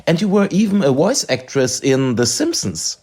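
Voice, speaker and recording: A man's voice: fairly high pitch, very animated, moderate pace, a little mellow, breathy edge. A man hosting a podcast, reading out formally phrased, prepared interview questions. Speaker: podcast host.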